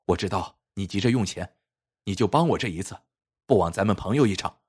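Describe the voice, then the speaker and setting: A man reading the part of a nervous young male scholar who quietly begs his friend for help. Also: low voice, a little fast, slightly rough. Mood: pleading.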